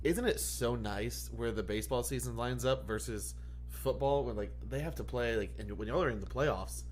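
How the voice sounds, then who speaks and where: A man's voice: mid-range voice, moderate pace, a little hiss or hum. A man co-hosting a podcast in casual, slangy banter with a playfully protesting manner. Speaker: podcast co-host.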